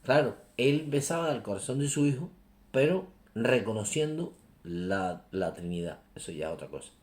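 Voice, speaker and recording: A man reading a religious text aloud, switching between a solemn reading voice and quick excited asides. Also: medium pitch. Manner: reads solemnly, then breaks off into excited asides.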